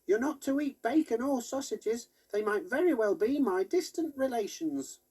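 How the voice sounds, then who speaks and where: A man voicing a bossy knitted toy pig-dog with a squeaky, prim, scolding voice, reading a storybook. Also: animated, moderate pace, warm tone, slightly rough, full character voice.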